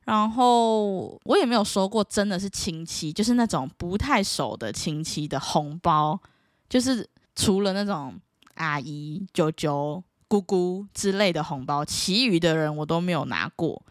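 A woman's voice: lowish voice, expressive, measured pace, no room sound, studio quality. A woman in her twenties with a Taiwanese Mandarin accent, telling playful stories in a casual vlog and laughing often. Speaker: vlogger. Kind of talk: casual storytelling.

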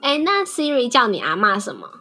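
A woman's voice: a little high, wildly swooping pitch, brisk, sharp tone, soft background music. A woman with a Taiwanese Mandarin accent, co-hosting a podcast, reacting and asking playful questions. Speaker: podcast co-host. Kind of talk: casual chat.

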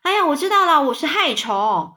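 A woman voicing a cheeky, boastful giant centipede in a storybook reading, talking loudly and teasing. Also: fairly high pitch, animated, normal speed. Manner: bragging, loud and teasing.

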